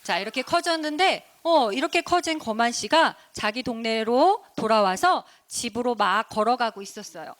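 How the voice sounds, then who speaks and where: A woman deacon telling a story in a children's sermon, animated and asking the children questions. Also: fairly high pitch, normal speed, hardly any pauses.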